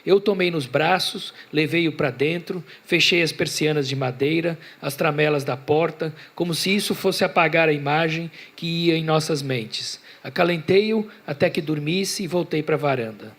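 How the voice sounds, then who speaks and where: A man's voice: fairly high pitch, moderate pace, few pauses, a bit bright. Man with a raised voice, reading fiction. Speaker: author on a festival panel. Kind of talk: reading his own fiction aloud. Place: literary festival panel before an audience.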